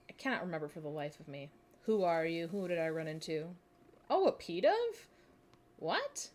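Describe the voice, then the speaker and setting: This is a low, darkish-toned female voice. The speaker, a woman in her twenties from Minnesota with a Midwestern American accent, keeps up chatty, self-deprecating banter and giggles as she plays a game on a live stream.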